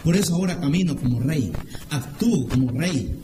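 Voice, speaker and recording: A man preaching voices young King Saul, humble yet proud, in a lowered voice of steady declarations over steady background noise. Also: normal speed, roomy sound, natural voice, poor audio.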